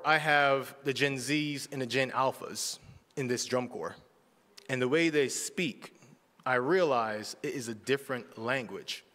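Speaking to his congregation in a relaxed, conversational way, this church speaker in his forties frequently checks in with them. The long reverb of the sanctuary surrounds his fairly high-pitched, fairly bright voice.

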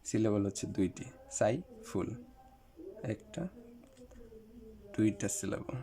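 A man's voice: lowish voice, a little slow, a crowd in the background. A man teaching an English lesson, explaining step by step and speaking straight to his viewers. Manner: explanatory, with fillers, addresses viewers directly.

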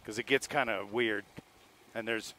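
A middle-aged motorcycle travel vlogger chats casually through his helmet headset mic out in a forest meadow, giving calm, reassuring directions. His pitch is fairly low and his speed normal.

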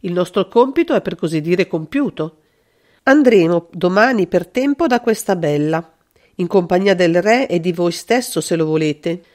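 A woman reading a calm, clever detective. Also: mid-range voice, lightly acted. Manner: measured, explanatory. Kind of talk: audiobook character reading.

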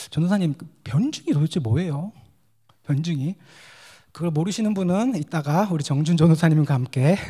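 Young male junior pastor, Gyeongsang accent, animated and jokey sermon delivery, lively pitch. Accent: Gyeongsang Korean. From South Korea. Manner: animated, mixes English phrases, acts out dialect quips.

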